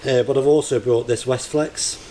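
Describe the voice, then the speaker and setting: Here a man of medium pitch talks at a normal speed, his tone steady and dark, as he hesitantly thinks aloud through a practical job. He's an amateur radio operator making a casual vlog, filming out in the field and in a barn, and the ambient sound of the location comes through clearly.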